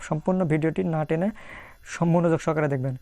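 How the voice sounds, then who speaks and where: A man teaching an online language lesson, repeating each phrase slowly with frequent "ah" fillers. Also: on the high side, steady tone, warm tone, dry recording.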